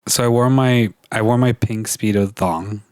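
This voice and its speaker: A man co-hosting a podcast, telling stories in an animated way and swearing freely, with his mic set a little too far from him. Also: normal speed, no echo, studio quality. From California. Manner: animated storyteller, swears freely, high-pitched when quoting others. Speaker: podcast co-host. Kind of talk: casual chat.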